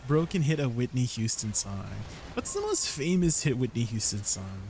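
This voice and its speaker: A man's voice: mid-range voice, sing-song, normal speed, a little mellow, a little hiss or hum. A man live streaming, chatting casually with viewers, telling stories and reading their comments aloud.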